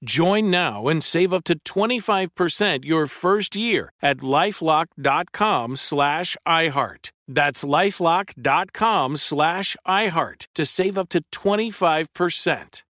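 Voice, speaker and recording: Guy reading an ad slow and even, dry studio sound. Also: a little high, dry recording. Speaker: ad announcer. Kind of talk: scripted ad read.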